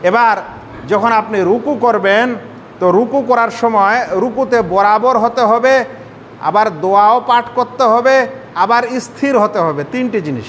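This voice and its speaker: A man's voice: unhurried, a bit bright. A man, an Islamic scholar, gives a sermon-style lesson on how to pray, explaining each step and putting rhetorical questions to his listeners. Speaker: Islamic scholar teaching prayer. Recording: hall reverb, faint rumble.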